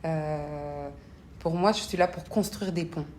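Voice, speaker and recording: Speaking unhurriedly in a low, darkish voice, this interview guest reflects earnestly and searchingly, often repeating words. She is a parliamentary assistant and association founder raised between French and Congolese cultures, and a slight hiss or hum is audible.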